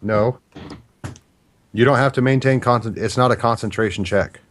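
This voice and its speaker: A man talks casually as a tabletop player. His mid-pitched voice comes with faint background noise and clicks. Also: normal speed. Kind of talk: casual game chat.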